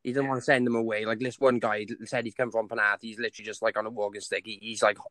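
A man's voice: fairly low pitch, level tone, quick pace, fairly bright tone, no echo. A young man on a podcast telling a funny story in casual chat, swearing often and acting out what other people said. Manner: swears a lot, laughs at his own story, acts out quotes. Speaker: podcast co-host.

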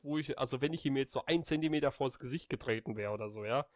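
A man telling a story in casual chat, animated and blunt, dropping slang freely. His voice sits at a middle pitch. The recording is dry and close, with no room sound. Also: fast talker, dry recording. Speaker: friend chatting.

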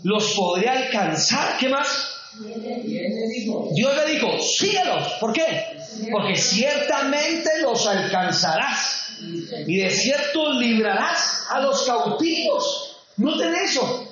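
A man preaching a sermon as pastor, animated and building up to shouts. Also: very high-pitched, takes it slowly, a crowd in the background. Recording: echoey, distant, dull recording with room noise.

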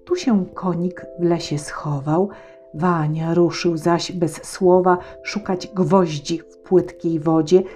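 Slow rhythmic woman reading verse. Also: on the low side, dark tone. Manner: measured rhythmic rhyming narration. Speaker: storyteller.

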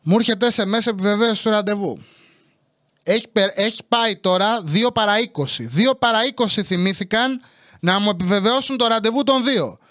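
A man's voice: sits high, pushed and bright, no room sound, studio quality. A man hosting a podcast who tells a comic story in a casual, exasperated style, full of swearing. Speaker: podcast host.

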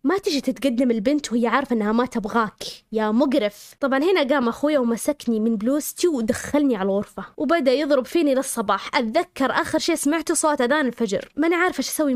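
A woman's voice: high voice, no echo, clean studio sound. A young woman telling her own story in an emotional, confessional way. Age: young adult. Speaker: YouTube storyteller. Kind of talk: first-person story narration.

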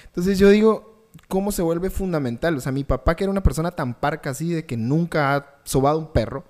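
A man's voice: on the high side, brisk, darkish tone. A young man, talking in an easygoing, conversational way. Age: young adult. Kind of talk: casual chat.

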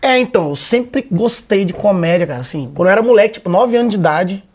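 A man's voice: sits high, expressive, fast. A man from Vitória, Brazil, a stand-up comedian chatting casually as a podcast guest, laid-back and full of slang and swearing.

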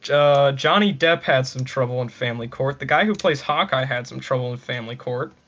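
A young man chats casually with his friends in a rambling way, often stumbling and starting his sentences over. His voice sits at a middle pitch. The recording sounds dull and lo-fi. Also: a little fast, a bit bright. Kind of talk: casual chat among friends.

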